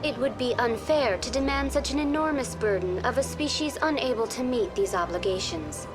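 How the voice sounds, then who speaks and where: Casting: actress as polite artificial intelligence guide for a sci-fi game, female, fairly high voice, formal informational delivery, music underneath. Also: close to an everyday voice. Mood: polite, composed. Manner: formal, polite, measured, impersonal. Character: courteous female virtual intelligence tour guide on a space station. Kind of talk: scripted informational game dialogue.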